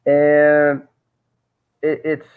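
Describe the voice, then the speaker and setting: This man's voice sits a little high and stays monotone and smooth, with drawn-out words. Appearing as an interview guest over a call, he tells a long, rambling story, often stopping to restart and filling gaps with "uh." The sound is thin and phone-like.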